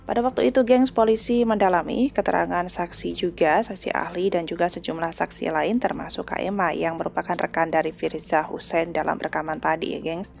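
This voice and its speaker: Gravelly low woman reading news. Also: steady tone, brisk, few pauses, darkish tone, soft background music. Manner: chatty reading, addresses listeners as "gengs". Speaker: news channel host. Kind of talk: casual news narration.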